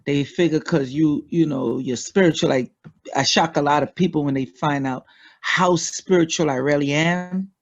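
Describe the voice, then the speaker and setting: A man's voice: on the high side, steady tone, normal speed, muffled recording. Trinidadian-accented man, blunt street talk. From United States. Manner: streetwise, blunt, swears freely. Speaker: guest. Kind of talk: casual interview talk.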